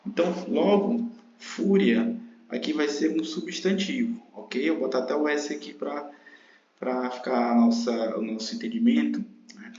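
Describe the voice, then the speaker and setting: A man of middle pitch walks through an exam-prep grammar lesson, patiently explaining and checking in with the listener. His voice sounds roomy and slightly dull, as if recorded lo-fi in an echoing room. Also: normal speed, darkish tone. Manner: explanatory, frequent tag questions. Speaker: teacher.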